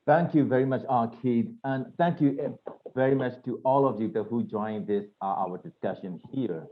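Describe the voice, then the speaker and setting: A man's voice: mid-range voice, normal speed, narrow, tinny audio, a little hiss or hum. A man from Burma in his fifties, a panelist giving earnest testimony in English with phrasing. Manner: earnest, non-native phrasing.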